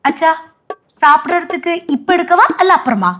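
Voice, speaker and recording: An actress playing a soft-hearted young woman of a sitcom household who mixes Tamil into her Malayalam and speaks with a Tamil accent. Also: very high-pitched, animated, brisk, music in the background. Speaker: family member in a sitcom household. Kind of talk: sitcom acting.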